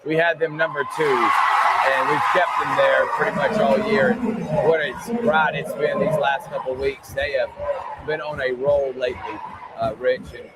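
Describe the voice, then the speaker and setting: A man's voice: mid-range voice, fairly even intonation, moderate pace. A man hosting a sports show with conversational commentary, leaning emphatically on key words. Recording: very noisy outdoor ambience.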